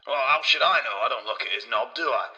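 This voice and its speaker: A man's voice: medium pitch, fast talker, sharp tone, lo-fi sound. Man doing Michelangelo as a brash crude bloke. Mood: boastful. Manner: brash, crude, rambling boasts. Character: crude boastful male Renaissance sculptor, coarse bloke.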